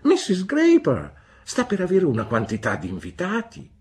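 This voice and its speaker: A woman voicing an eager, homely nursemaid who coaxes and exclaims, in a husky voice, in an audiobook reading. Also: lowish voice, huge pitch swings, normal speed, a little mellow, pitched above the performer's own voice, full character voice. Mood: emphatic. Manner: coaxing and exclamatory. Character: eager, coaxing female nursemaid, hearty and homely. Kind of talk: audiobook character voice.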